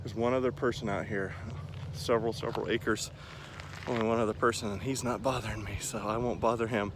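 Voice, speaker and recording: Male, 40s, low voice, casual rambling vlogger pacing outside, with ambient noise behind him. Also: steady tone, fairly quick. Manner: rambling, self-deprecating, talking while pacing around. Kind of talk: casual running vlog chat to camera. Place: outdoors in a park by a lake. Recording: clear outdoor ambient noise.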